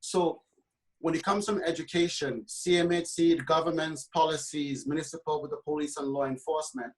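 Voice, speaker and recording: A man's voice: on the high side, fairly even intonation, fairly quick, poor audio. A man from Trinidad and Tobago who works as a realtor, speaking passionately on a panel discussion with many fillers and restarts.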